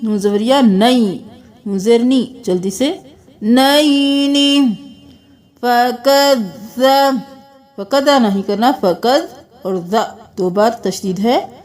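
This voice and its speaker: A woman teaching Quran recitation word by word, drawing each word out slowly and melodically, then explaining the pronunciation rules. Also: medium pitch, a little mellow. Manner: slow drawn-out melodic recitation between brisk spoken explanations. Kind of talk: word-by-word tajweed lesson.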